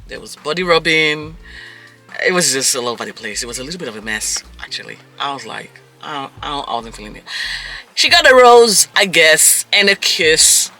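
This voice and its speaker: A man giving a casual, gossipy recap of a reality dating show, animated and quick to act out people's reactions. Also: fairly high pitch, faint music behind. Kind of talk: casual episode recap commentary.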